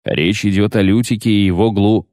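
Gruff sardonic witcher, read by a man, low voice, dark tone, clipped dry delivery, audiobook. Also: animated, a little slow, no echo. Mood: curt. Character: gruff, terse male witcher, weary and skeptical.

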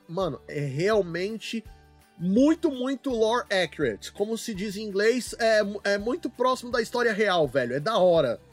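High-voiced Brazilian man hosting a podcast. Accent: Brazilian Portuguese. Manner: laid-back, slangy, steers the discussion. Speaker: podcast host. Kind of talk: casual chat.

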